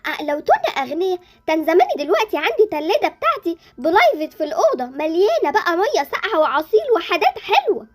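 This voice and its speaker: A woman voicing a frightened, excitable young girl in a Roblox story drama, with an Egyptian accent, stammering through nervous laughter. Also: extremely high pitch, fast talker, few pauses. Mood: chatty. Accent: Egyptian Arabic. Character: scared excitable young girl, the hero's sister.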